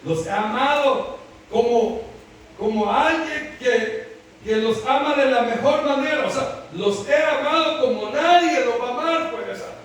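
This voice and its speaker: A man preaching a sermon, animated and constantly calling on the congregation with "brother" and "right?" as he teaches. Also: very high voice, unhurried, slight background noise. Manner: animated, keeps calling on the congregation with "hermano" and "¿verdad?". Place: church hall. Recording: very echoey hall picked up from far off.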